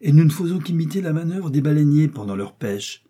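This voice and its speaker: A man voicing a cheerful, eager young male servant who keeps exclaiming in excitement. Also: fairly high pitch, brisk, husky, pitched above the performer's own voice.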